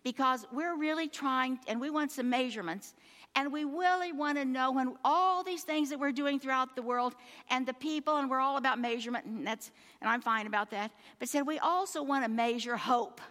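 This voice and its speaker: A woman's voice: high-pitched, moderate pace, a bit bright, long reverb tail. A woman giving an earnest sermon, exhorting her listeners and calling them her friends. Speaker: preacher.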